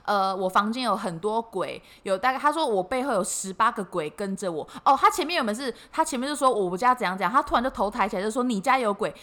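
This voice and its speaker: A woman's voice: a little high, animated, quick pace, few pauses, a bit bright. A woman with a Taiwanese Mandarin accent co-hosting a podcast, telling a story dramatically and acting out the quotes. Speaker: podcast co-host. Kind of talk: casual chat, storytelling.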